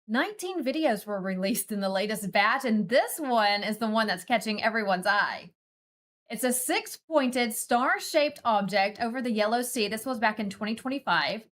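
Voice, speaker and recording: A woman presenting a morning news show with a slightly high voice. She moves the talk along briskly and asks pointed questions. Her delivery is clear and direct. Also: expressive, a bit bright. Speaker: news host.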